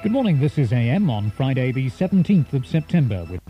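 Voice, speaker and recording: A man giving a brisk radio station announcement, heard through the tinny sound of a small clock radio. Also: mid-range voice, big pitch swings, mellow, soft background music. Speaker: radio presenter.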